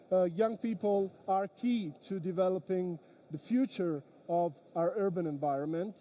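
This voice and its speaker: A man's voice: sits high, mellow. A man delivering an inspirational keynote speech at a conference, earnestly urging the audience. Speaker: keynote speaker.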